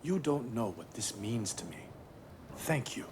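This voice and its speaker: A man's voice: medium pitch, very animated, unhurried, background noise. A man playing an earnest, conciliatory male lab leader in a mystery video game. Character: ailing, earnest man who leads a laboratory.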